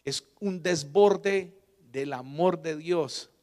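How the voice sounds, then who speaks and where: This Colombian guest preacher speaks extremely slowly in a slightly high voice, his sermon swinging between loud and quiet as he asks the congregation call-and-response questions. A long reverb tail trails each phrase.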